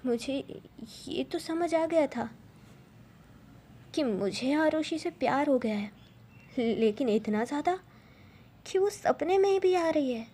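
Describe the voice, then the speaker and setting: A woman's voice: sits high, animated, takes it slowly, long pauses, mellow, voice pushed up. A woman voicing a flustered young woman in love, who stammers and repeats herself. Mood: wondering.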